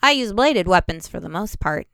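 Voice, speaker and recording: A woman voicing an easygoing young male fighter who talks in a relaxed, teasing way. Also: sits high, normal speed, vocal fry, smooth, no echo, studio quality, heavily acted. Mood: easy.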